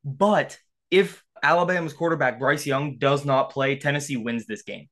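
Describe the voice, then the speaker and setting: A man co-hosting a casual sports podcast, getting fired up and swearing, his voice jumping high when riled. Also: normal speed, fairly bright tone. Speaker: podcast co-host.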